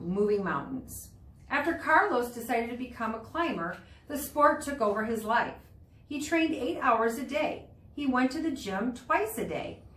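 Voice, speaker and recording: A woman teacher with a slightly high, fairly bright voice reads a children's nonfiction book aloud to her students. She explains as she goes, pausing to clarify words and pictures. The recording is roomy, with a distant mic and background noise.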